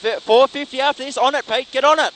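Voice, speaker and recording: A man co-driving in a rally car, calling rapid pace notes in urgent, clipped, repeated bursts. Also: very high-pitched, fairly even intonation, fairly bright tone. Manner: urgent, clipped, repetitive calls. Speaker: rally co-driver. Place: inside a moving rally car. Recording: in-car recording with clear vehicle noise.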